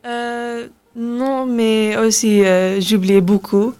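A woman's voice: a little high, flat delivery, a little mellow, smooth, soft background music. Hesitant English teenage girl. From England. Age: teens. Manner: hesitant, halting French with many fillers. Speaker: guest. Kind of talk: radio interview.

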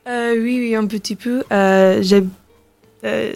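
A seventeen-year-old girl from England speaking halting, hesitant French with an English accent and many fillers, as a radio interview guest. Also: a little high, fairly even intonation, gravelly, darkish tone, faint music behind. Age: teens.

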